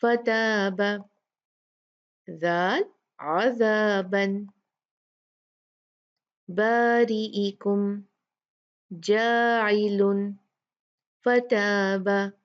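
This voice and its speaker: Slow, patient woman teaching Quranic recitation. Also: fairly low pitch, creaky, a little mellow, highs cut off. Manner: patient, asks questions then answers them, draws out example words slowly. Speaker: Tajweed teacher. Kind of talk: slow explanatory lesson with recited examples.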